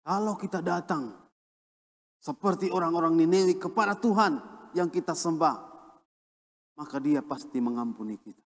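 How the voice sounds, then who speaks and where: A man from Indonesia, a pastor, preaching a sermon with emphatic swings between a raised and a lowered voice. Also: moderate pace, pauses often, big-room sound. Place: church.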